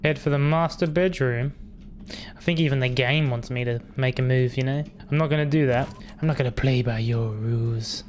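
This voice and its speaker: A man's voice: mid-range voice, normal speed, a little hiss or hum. A young man giving cheeky, jokey commentary as a scared horror game streamer, wisecracking through his nerves.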